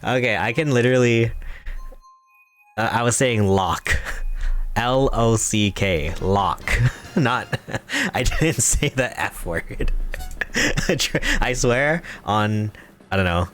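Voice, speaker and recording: A man's voice: medium pitch, expressive, slow, long pauses, fairly bright tone. A young man streaming a game live, chatting casually with his viewers in a rambling, giggly, playfully mock-serious way. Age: young adult. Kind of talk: casual live-stream chat while gaming.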